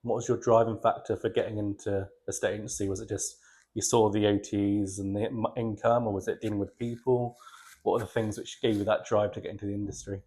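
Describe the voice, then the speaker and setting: A man hosting a podcast who asks brief, measured questions. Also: on the low side, level tone, mellow. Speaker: podcast host. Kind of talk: interview questions.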